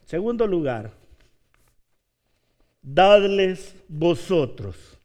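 Animated high-voiced man preaching. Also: drawn-out words. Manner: animated, playful, acts out quoted voices. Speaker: pastor. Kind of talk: sermon.

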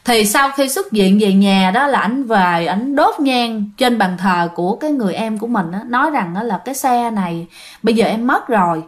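A woman's voice: on the high side, lively intonation, moderate pace. A woman telling ghost stories in a casual, chatty way, often speaking straight to her listeners. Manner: chatty, addresses listeners directly, with fillers. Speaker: ghost story narrator. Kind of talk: casual spoken storytelling.

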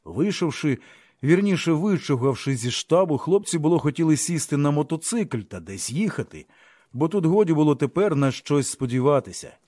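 A man narrating a literary audiobook in a measured, expressive way. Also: fairly high pitch, no room sound, clean studio sound.

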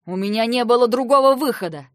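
A short-tempered young man, as a woman reads him in an audiobook, shouting reproaches. His voice sits close and dry, with no room around it, and he stays loud and accusing. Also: a little high, fast talker, no room sound, lightly acted. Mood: angry. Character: angry young man, hot-tempered brother.

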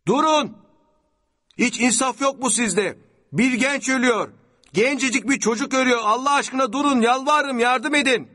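A man with a husky voice, acting out an anguished middle-aged man in an audiobook story, his talk emotional and pleading. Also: on the low side, fairly quick, a little mellow, lightly acted. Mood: desperate.

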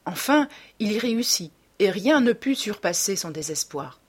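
A woman reading the part of a cynical, self-assured young man in an audiobook, in a smooth, detached way. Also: medium pitch, very animated, normal speed. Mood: coolly musing. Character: cold, cynical young male dandy.

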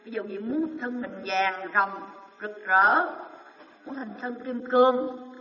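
A man's voice: very high voice, slow pace. A man giving a Buddhist sermon, firing rhetorical questions and answering them himself with emphasis. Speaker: Buddhist dharma teacher. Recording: dull, echoey hall recording from far off.

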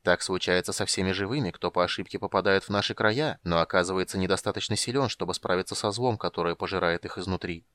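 A grim old priest, as a male reader puts him on, speaks in a low, grating and somber voice. The reading is close and dry, with no room sound around it. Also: quick pace, few pauses, fairly bright tone, dry recording. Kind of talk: audiobook character voice.

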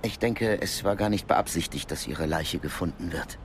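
This low-pitched male voice belongs to an actor lightly playing a calm, knowing Cold War intelligence contact in a naturalistic German radio drama. His explanations are measured and matter-of-fact, the mood grave and reflective, with slight background noise.

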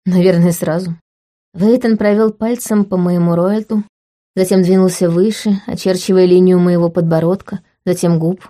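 Mellow-voiced woman narrating an audiobook. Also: fairly low pitch, steady tone, normal speed. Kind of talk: scripted first-person narration.

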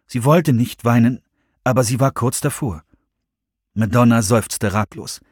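Male audiobook narrator, husky, calm and measured, dry sound. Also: mid-range voice, no room sound. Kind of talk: scripted narration.

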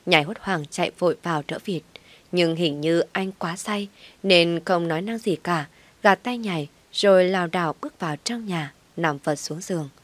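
Woman, audiobook narrator, lowish voice, dry close sound, expressive storytelling. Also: moderate pace, no room sound.

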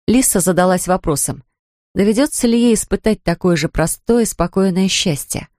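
A woman narrating an audiobook in a measured, even manner. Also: medium pitch, no echo, studio quality. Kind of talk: scripted narration.

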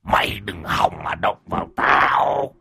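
A man voicing a vicious male ghost in an audiobook, taunting in a slow drawl and shrieking high when hurt. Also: expressive, creaky, bright, forceful tone, breathy edge, heavily acted. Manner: taunting slow drawl, shrill screams in pain.

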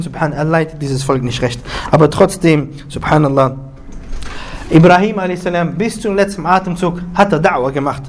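A man delivers a Friday sermon as lively storytelling. His voice sits high for a man, and he keeps circling back, repeating and restarting phrases. Arabic devotional words punctuate his speech, with a faint hiss behind him. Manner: weaves Arabic religious phrases into German speech. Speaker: preacher.

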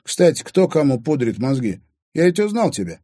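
A man's voice: fairly high pitch, big pitch swings, normal speed, mellow, no echo, studio quality, voice pushed up. A man voicing a cool-headed young student who answers coldly and curtly. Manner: cold, curt.

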